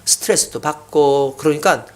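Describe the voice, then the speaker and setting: A man's voice: fairly high pitch, moderate pace. A male pastor preaching a sermon in a church, telling an anecdote and acting out the people in it. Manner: animated anecdotal storytelling, often acting out quoted speech. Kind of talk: sermon storytelling.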